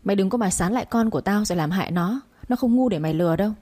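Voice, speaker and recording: A woman's voice: racing, dark tone, close to an everyday voice. A woman voicing a cruel, domineering older matriarch who scolds and sneers in a storybook reading. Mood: indignant. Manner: scolding, shrill and scornful.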